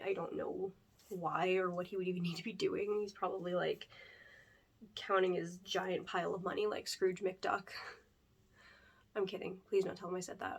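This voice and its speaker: A woman's voice: medium pitch, close to an everyday voice. A young woman playing a chatty pizzeria staffer who interviews a new hire in an ASMR role-play. She rambles in an upbeat way, with lots of fillers and nervous jokes. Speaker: ASMR creator.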